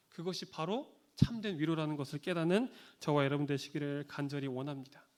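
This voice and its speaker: A man's voice: high-pitched, fairly bright tone. A male pastor preaching an earnest sermon, acting out short scolding and comforting quotes along the way. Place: church sanctuary.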